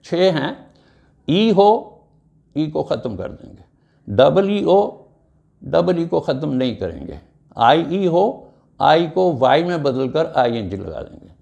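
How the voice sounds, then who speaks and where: A man teaching an English grammar lesson, spelling out words letter by letter in a slow, deliberate way. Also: on the high side, sing-song, gravelly, darkish tone, dull audio.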